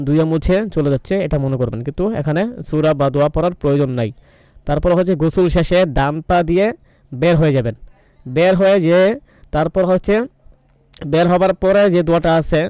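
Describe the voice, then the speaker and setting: A man calmly explaining a religious cleansing ritual step by step, pausing often with fillers and reciting short Arabic phrases. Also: on the high side, clean tone, no room sound. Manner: unhurried, hesitant, many fillers, Arabic recitations. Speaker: ruqyah healer explaining a ritual. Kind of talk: instructional explanation.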